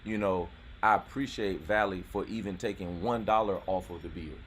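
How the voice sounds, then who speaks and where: A man's voice: sits low, steady tone, moderate pace, fairly bright tone, slight background noise. A man in his forties hosting a casual live-stream chat outdoors, laid-back and rambling. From North Carolina, US. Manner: laid-back, rambling, lots of "you know what I'm saying". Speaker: channel host. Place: outdoors near a golf course.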